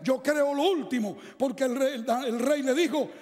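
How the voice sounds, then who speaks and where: High-voiced preacher in an echoing hall. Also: male voice, normal speed, darkish tone. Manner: dramatic storytelling with rhetorical questions to the listener. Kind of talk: sermon. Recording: echoey hall reverb.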